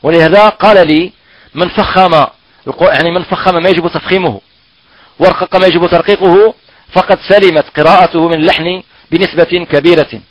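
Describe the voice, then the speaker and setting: A man with a high voice teaches Quran recitation, pausing often and drawing out syllables to show how each sound should be formed. The recording is dry and close, with a dull, muffled lo-fi tone. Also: fairly even intonation, no room sound. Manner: halting, repeats and drags out sounds to demonstrate pronunciation. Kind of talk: recorded online tajweed lesson.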